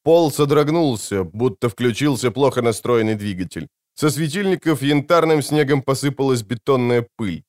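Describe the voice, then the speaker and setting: A man narrating an audiobook with an expressive reading of a science-fiction novel. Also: medium pitch, normal speed, few pauses, dry recording, studio quality.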